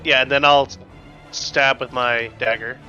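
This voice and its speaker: A man's voice: medium pitch, steady tone, measured pace, sharp tone. A man playing a tabletop game, casually talking through his moves. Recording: dull lo-fi audio, faint music.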